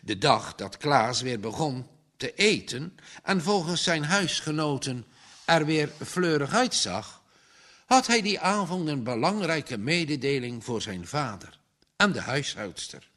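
A man reading a story aloud as narrator, measured and expressive. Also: on the high side.

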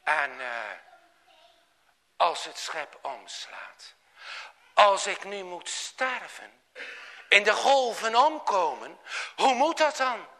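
A man's voice: sits high, animated, slow, long pauses, sharp tone, full character voice. A man voicing a scared young deckhand. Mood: fearful. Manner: hesitant, stammering. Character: frightened young ship's boy far from home.

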